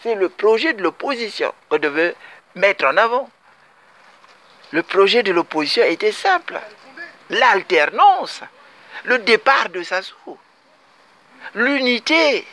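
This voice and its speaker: Emphatic man from Congo-Brazzaville, lively pitch. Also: takes it slowly, pauses often. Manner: emphatic, repetitive, addresses compatriots directly. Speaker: political commentator. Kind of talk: political commentary monologue.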